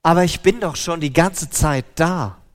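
A man voicing a calm, patient divine guest who speaks quietly and reassuringly. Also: a little high, unhurried, close to an everyday voice.

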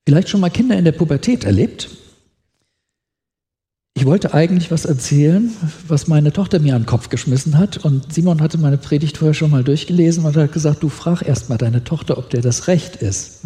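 This middle-aged man has a fairly high voice with a dark tone. He delivers a sermon in a church hall, his scripture reading building in feeling as he asks the congregation questions, all wrapped in long hall reverb.

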